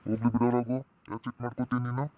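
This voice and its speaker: Brief: man as a cartoon village neighbor, rapid friendly chatter, tinny phone-like sound. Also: medium pitch, completely flat delivery, heavy background noise, natural voice. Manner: quick friendly village banter.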